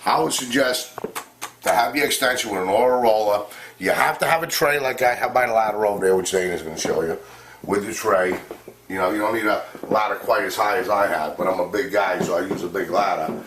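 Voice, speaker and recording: A man's voice: fairly low pitch, a little fast, distant mic. A man who paints houses, explaining how to paint a ceiling in a loose, rambling way full of fillers, recorded by a camera in a living room under renovation. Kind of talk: casual how-to demonstration. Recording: roomy, off-mic, faint background hiss.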